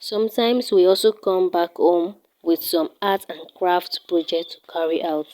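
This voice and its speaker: Unhurried and steady, a Nigerian teenage girl with a slightly low, Nigerian-accented voice presents her home and daily routine. The student takes each part carefully, one after another.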